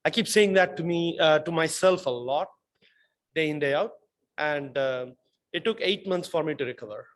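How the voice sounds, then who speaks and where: A man giving an earnest impromptu speech about a personal story, with halting restarts. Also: a little high.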